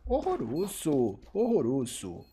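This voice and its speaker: A man with a Brazilian Portuguese accent reacting live to an esports match, excitable and profane, repeating short cries. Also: on the high side, slow pace, slight background noise. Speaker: streamer commentating an esports match. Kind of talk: live game reaction commentary.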